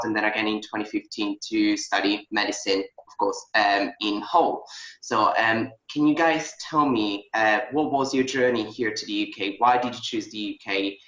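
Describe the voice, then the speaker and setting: Man, young host, bright tense voice, roomy lo-fi call sound. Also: lowish voice. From Italy. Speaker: host, medical student. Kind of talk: hosting a video-call panel.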